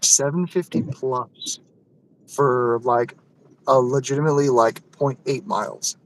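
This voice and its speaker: A man's voice: mid-range voice, steady tone, a little slow, poor audio. A man chatting casually on a live stream while working deliveries, easygoing and chuckling, with frequent stammered restarts.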